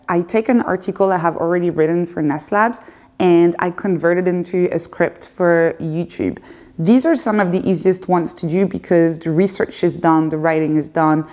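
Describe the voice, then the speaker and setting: Facing a camera at home, a French-accented woman in her thirties fields viewer questions off the cuff, with a few hesitations. Her voice sits fairly low and has a dark quality, fitting the relaxed, unscripted Q&A.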